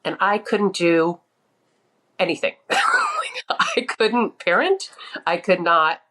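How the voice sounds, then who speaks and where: A woman's voice: medium pitch, huge pitch swings, takes it slowly, bright, forceful tone, breathy edge. A woman in her fifties, a podcast guest, telling her story in a candid, easygoing way. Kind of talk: casual interview chat.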